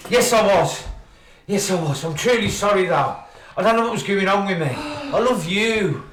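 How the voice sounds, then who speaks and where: A man's voice: high voice, a little fast, fairly bright tone, a little hiss or hum. An actor playing a guilty young man who cheated and desperately begs for another chance. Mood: pleading. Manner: pleading, desperate. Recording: echoey, distant from mic.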